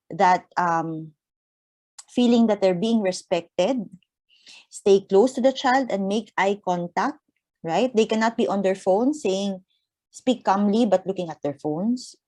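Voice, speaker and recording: A woman's voice: medium pitch, darkish tone, dry recording. A woman with a Filipino accent giving a conversational lecture, often checking that listeners follow. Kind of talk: online lecture with Q&A.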